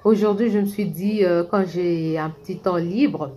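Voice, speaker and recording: A woman's voice: on the low side, a little slow, dark tone, a little hiss or hum. A middle-aged woman from Kinshasa, a vlogger chatting through a personal story and talking straight to her viewers, often restarting her sentences. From Congo (Kinshasa). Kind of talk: casual storytime monologue.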